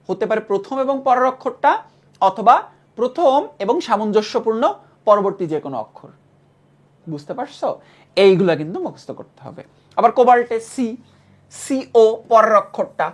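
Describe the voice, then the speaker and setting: A woman teaching a chemistry lesson who repeats key terms and keeps checking that students follow. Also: on the high side. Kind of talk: classroom lecture.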